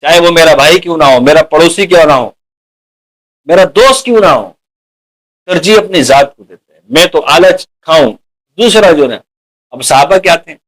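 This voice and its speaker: High-voiced man preaching a sermon. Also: expressive, pauses often, fairly bright tone, poor audio. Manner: rhetorical questions to the audience; addresses listeners as dear companions.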